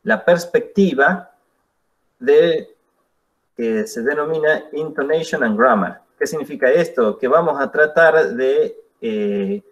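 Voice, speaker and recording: A man teaching an English class, explaining slowly and patiently with spoken examples. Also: fairly high pitch, highs cut off. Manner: slow, patient explaining with demonstrations. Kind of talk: classroom lesson.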